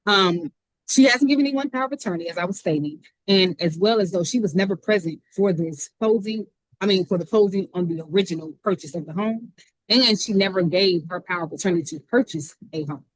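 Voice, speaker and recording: A woman attorney makes her case in a remote hearing, rattling off her points at speed. Her voice sits a little low and comes through husky. The sound is dry, with no room echo at all. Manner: fast-talking. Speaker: defense attorney. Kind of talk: courtroom argument. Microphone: video call.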